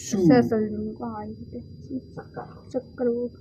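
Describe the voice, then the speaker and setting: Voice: medium pitch, fairly even intonation, slow pace, warm tone, slight background noise. A student giving short answers and humming along during a spelling lesson. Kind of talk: answering in class. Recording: dull lo-fi audio.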